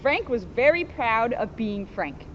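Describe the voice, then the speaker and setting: Her voice on the high side with big pitch swings and a measured pace, a policewoman reads a children's storybook expressively, adding conversational asides. She's outdoors in a sunny spot beside a school. The recording comes across dull and slightly noisy.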